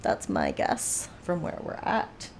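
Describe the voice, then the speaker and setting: A woman's voice: very deep voice, wildly swooping pitch, slow, a little hiss or hum. A woman hosting a livestream from home, chatting casually with viewers in a rambling way full of fillers and asides. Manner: rambling, filler-heavy, self-aware. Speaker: livestream host. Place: home, seated.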